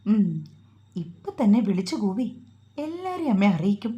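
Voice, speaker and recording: A woman's voice: mid-range voice, sing-song, normal speed, dark tone, highs cut off, lightly acted. Woman reading as a hungry, offhand young husband.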